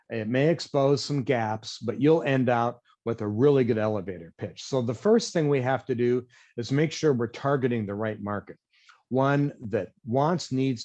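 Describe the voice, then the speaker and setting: A man presenting a sales and marketing training session, energetic but deliberately slowing his speech to explain. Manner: energetic, self-described high-wire talker; deliberately slowed, explanatory pace. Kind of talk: webinar presentation. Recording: dull lo-fi webinar audio.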